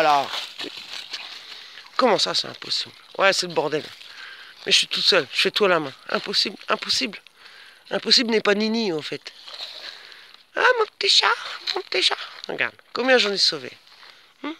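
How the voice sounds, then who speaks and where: A man speaks outdoors on his own land in a high, bright, gravelly voice. He rambles on to his viewers in casual vlog fashion, familiar and defiant. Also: a little hiss or hum. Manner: coos at pets in a much higher voice. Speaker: vlogger touring his rural land. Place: outdoors on a rural property.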